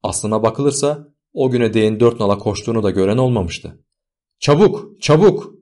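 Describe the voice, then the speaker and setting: A man reading an audiobook novel aloud in scripted, measured narration. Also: fairly low pitch, warm tone.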